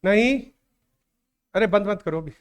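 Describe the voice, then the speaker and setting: A male teacher giving a classroom lecture in a conversational way, repeating phrases, checking in with students, and dictating numbers slowly. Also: high-pitched, smooth.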